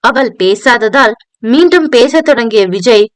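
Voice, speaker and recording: A woman narrating an audio novel with steady, dramatic storytelling into a close microphone. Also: fairly high pitch, unhurried, dry recording. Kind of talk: scripted narration.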